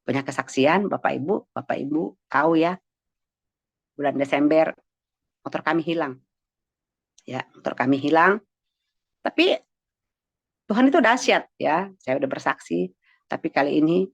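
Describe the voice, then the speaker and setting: A woman's voice: low-pitched, no room sound, muffled recording. A middle-aged woman leading a morning devotion, earnestly sharing a personal testimony and speaking straight to her listeners. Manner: earnest, addresses listeners directly.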